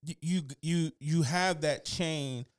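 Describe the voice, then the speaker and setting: A man co-hosting a podcast in casual chat, telling stories in a loose, animated, profane way. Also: on the high side, slow, smooth. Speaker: podcast co-host.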